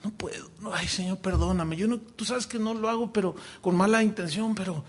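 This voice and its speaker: A man quoting an anxious, apologetic American colleague in a low, hushed, pleading voice. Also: brisk.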